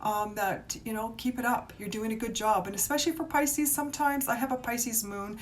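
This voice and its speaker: A woman's voice: steady tone, brisk. A woman gives a casual, encouraging live tarot reading, chatting informally with viewers in a meandering way. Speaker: tarot reader and reiki healer hosting a live stream. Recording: live stream with clear rumbling noise.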